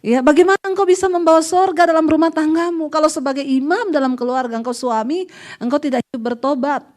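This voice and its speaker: A middle-aged woman pastor preaches with a high, bright-pitched voice. She tells her stories with lively emphasis and acts out the dialogue in them. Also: fast. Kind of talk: sermon.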